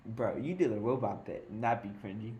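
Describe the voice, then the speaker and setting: A man's voice: lowish voice, animated, a little fast, a little mellow, lo-fi sound, slight background noise. A man co-hosting a podcast, chatting casually and joking about sports. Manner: playful, jokey banter. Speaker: podcast co-host. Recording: roomy echoey room.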